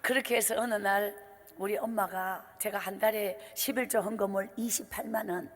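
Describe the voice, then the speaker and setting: A middle-aged woman evangelist with a Gyeongsang accent gives a revival sermon testimony, telling her story in a lively, animated way and acting out the dialogue. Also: mid-range voice, moderate pace. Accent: Gyeongsang Korean. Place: church sanctuary. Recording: church hall with long reverb.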